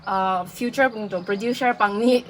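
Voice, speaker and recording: A woman hosting a casual talk show interview, mixing in English words and nodding along with soft "mm" sounds. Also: fairly high pitch, steady tone, measured pace, a little hiss or hum. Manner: mixes in English words, frequent soft "mm" acknowledgements. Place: cafe.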